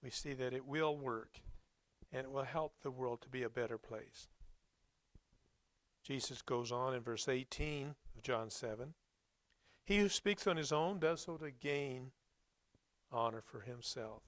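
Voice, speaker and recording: A mid-range, fairly bright male voice delivers a Sunday sermon with no room sound, reading from scripture and reflecting on it plainly and haltingly.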